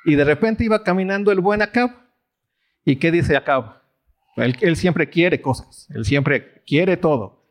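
A man's voice: on the high side, lively intonation, unhurried. A man with a Mexican accent leading a Bible study, asking questions and letting listeners fill in the answers. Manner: asks questions and lets the audience fill in. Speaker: pastor teaching a Bible study. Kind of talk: sermon.

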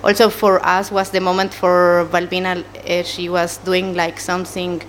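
A woman's voice: fairly low pitch, level tone, moderate pace, a little hiss or hum. A woman from Chile with a Chilean Spanish accent, speaking English as a second language, answering interview questions hesitantly with many fillers. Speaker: animator, interview guest.

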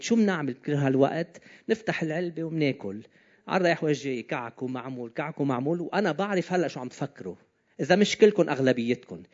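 A man's voice: on the high side, a little mellow. A man with a Levantine, Lebanese Arabic accent gives an informal sermon, talking conversationally and often putting questions to his listeners. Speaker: preacher. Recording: slightly dull, lo-fi sound.

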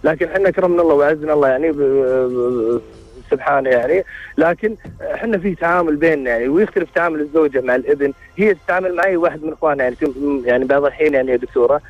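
Rambling man calling in fast. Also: fairly high pitch, lo-fi sound. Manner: rambling, searching for words, frequent restarts. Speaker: caller seeking marriage advice. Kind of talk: call-in radio conversation.

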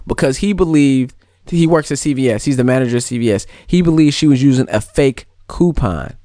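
A man's voice: mid-range voice, a little fast, dry recording, studio quality. A man co-hosting a podcast, arguing in casual banter and laughing often. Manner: animated, argumentative, laughs often. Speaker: podcast co-host.

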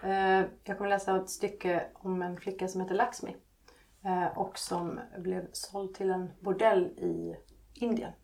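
A woman's voice: mid-range voice, little pitch movement, vocal fry, a little mellow. A woman author, a guest on a podcast, answering questions hesitantly with many fillers.

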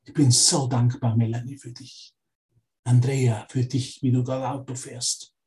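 Ein Mann mit österreichischem Akzent leiht einem sanften, liebevollen Heiligen Geist seine Stimme und spricht leise und zärtlich. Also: male voice, mid-range voice, flat delivery, pitched below the performer's own voice, close to an everyday voice. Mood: tender, grateful. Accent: Austrian. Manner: soft, slow and tender, names listeners one by one. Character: gentle loving Holy Spirit, grateful and soothing.

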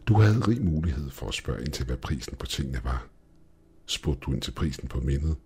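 A man's voice: extremely low pitch, lively intonation, a little mellow, faint music behind. A man voicing a mocking, goat-legged male demon shopkeeper in a horror story. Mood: hissing. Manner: smug, taunting, hissing.

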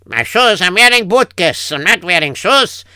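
A man's voice: high voice, very animated, a little slow, bright, forceful tone, clear, resonant tone, no room sound, clean studio sound, full character voice. A man playing a fretful Yiddish-accented husband. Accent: Yiddish-inflected English. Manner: kvetching, sighing oy vey. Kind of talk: improvised comic radio story.

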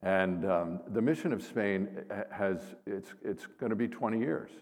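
Older male missionary pastor, low voice, conversational mission update, heavy hall reverb. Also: animated, moderate pace, a little mellow. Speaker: seminary professor and missionary pastor. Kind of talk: informal presentation to a congregation. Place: large indoor church space. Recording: reverberant church hall, long echo.

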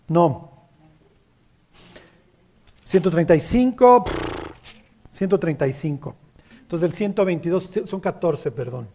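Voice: mid-range voice, lively intonation, slow, pauses often, warm tone, a little hiss or hum. A speaker teaching a Bible study to a group, often checking that listeners follow and acting out the quoted passages. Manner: keeps checking in with listeners, acts out biblical quotes.

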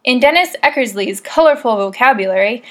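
A woman's voice: fairly high pitch, animated, fairly quick, fairly bright tone. A woman hosting a podcast, telling stories in a casual, wry, self-deprecating way from a loose script. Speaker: podcast host.

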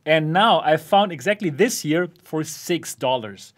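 Man, high-pitched voice, podcast host, casual chat, laughs often. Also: lively intonation, measured pace. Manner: laughs often while talking. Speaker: host of a VR channel.

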